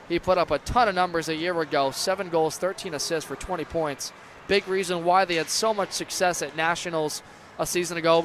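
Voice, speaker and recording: A man doing live play-by-play commentary of an ice hockey game. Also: on the high side. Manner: erupts into excited shouts on big plays. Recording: clear background noise.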